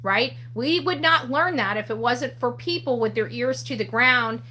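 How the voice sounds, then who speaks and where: A woman with a voice on the high side, recorded from a distance in an echoey room, chats casually as host of an online true-crime channel. At a moderate pace she rambles, restarts, and uses many fillers before signing off to viewers with loud, upbeat catchphrases.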